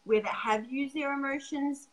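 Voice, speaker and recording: A woman's voice: high voice, moderate pace, a bit bright, rough recording. A woman hosting a casual chat as a sex coach, laughing often and swearing casually.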